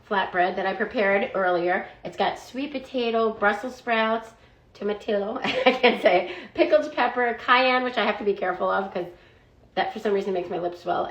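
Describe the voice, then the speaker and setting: A woman's voice: mid-range voice, a little hiss or hum. Chatty woman in a roomy echo. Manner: chatty, fillers of "like" and "um". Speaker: food product reviewer. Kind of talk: casual product review vlog.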